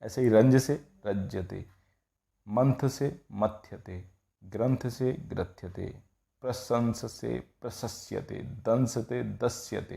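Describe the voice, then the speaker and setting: The man teaching this classroom-style Sanskrit grammar lesson has a warm, creaky voice on the low side. He breaks the rules down step by step, frequently asks the class rhetorical questions and keeps repeating "ठीक है".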